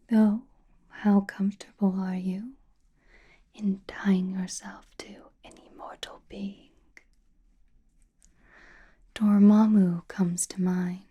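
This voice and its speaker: A woman with a medium-pitched voice plays a powerful, mysterious witch in a slow, breathy ASMR whisper. Her intimate delivery is gently teasing and soothing.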